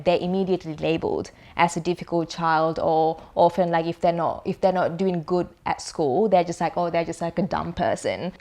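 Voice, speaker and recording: A woman's voice: lowish voice, a little mellow. A young woman from Sri Lanka speaking casually about her own experience, full of fillers and restarts. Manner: rambling, many fillers and restarts. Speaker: interviewee sharing lived experience. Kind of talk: casual testimonial.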